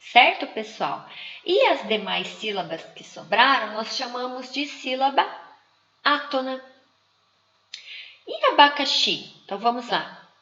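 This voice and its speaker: A woman teaches from slides at an unhurried pace, drawing out each example word. Her voice is bright and sits a little high. The recording is muffled and carries a roomy echo. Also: very animated. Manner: slow, didactic, stretching out example words. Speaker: teacher trainer. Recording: muffled, echoey room.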